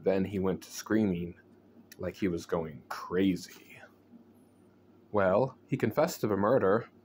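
A man narrates a scary tale in a low, deep register. He takes his time, pausing deliberately to let suspense build. The recording is homemade, with noticeable background noise behind him. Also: a little mellow. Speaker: storyteller reading aloud from a book. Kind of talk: scripted horror story narration.

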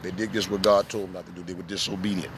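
Street preacher guy outside, lively storytelling, faint traffic hum behind. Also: sits low, racing. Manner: animated storytelling, acting out voices and jokes. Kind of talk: casual preaching chat. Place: outdoors in the sun.

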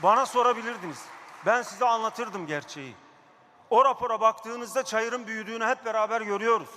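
A man's voice: high-pitched, fairly quick, bright, forceful tone, a little hiss or hum. A district mayor speaking at a pulpit microphone in a council chamber, emphatic and repeating his key phrases. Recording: long hall reverb.

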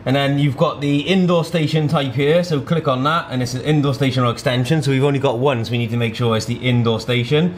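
A man in his thirties with a medium-pitched voice gives an informal, hands-on tutorial as a product demonstrator, walking through a product step by step. He's in a small indoor showroom, with slight background noise.

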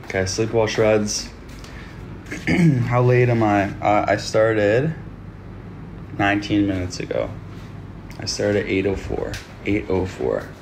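A young Canadian man hosts a casual livestream from a small room, holding his phone at arm's length and chatting upbeat with viewers while also talking to himself. His lowish voice is slow and creaky with long pauses, and the rough recording carries a little hiss or hum.

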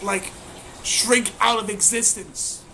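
A woman's voice: mid-range voice, fairly even intonation, slow pace, sharp tone, a little hiss or hum, low-quality recording. A woman giving profane, mocking commentary on a video she is reacting to. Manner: crude, profane and scornful.

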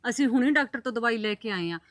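A woman's voice: fairly high pitch, lively intonation, fast talker, no echo, natural voice. A middle-aged woman playing a protective, firm village mother who scolds and orders her daughter around. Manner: bossy, scolding. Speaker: mother and aunt. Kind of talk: film acting.

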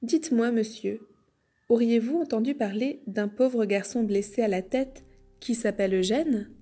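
Woman reading a small wooden puppet boy, scared and pleading, mellow soft voice, storybook. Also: on the high side, moderate pace, soft background music, natural voice. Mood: polite. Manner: pleading, trembling.

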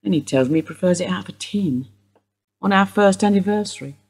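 Speaking fairly low and briskly, this woman has a husky, darkish tone. She plays the widowed English housewife Mrs Steele, a wistful suspect who wanders through recollections while police question her in a radio drama.

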